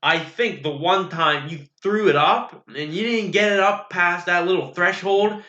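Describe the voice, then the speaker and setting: A young man with a slightly high, bright and sharp voice tells a story in animated, quick bursts. He sounds like he is in an echoey room, and the recording is dull and lo-fi. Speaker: podcast co-host. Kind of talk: casual chat.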